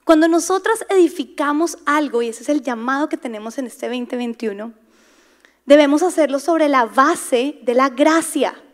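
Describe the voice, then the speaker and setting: A woman's voice: sits high, moderate pace. A woman preaching to a women's congregation, dramatic, dropping to whispers for emphasis and acting out inner voices. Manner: acts out inner voices, asks the crowd to repeat words.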